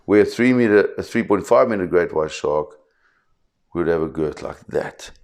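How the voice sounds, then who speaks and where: A South African man in his fifties, a shark expert explaining to camera with an emphatic, animated storytelling manner. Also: deep voice, moderate pace. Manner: emphatic, animated storyteller who acts out quotes.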